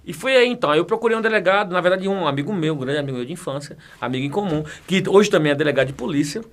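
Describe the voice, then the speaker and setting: A man in his 40s from Bahia, Brazil, a federal police chief and teacher, appears as a guest in a casual interview. His voice is on the high side, animated and very fast. He jokes and laughs often and repeats words as he talks.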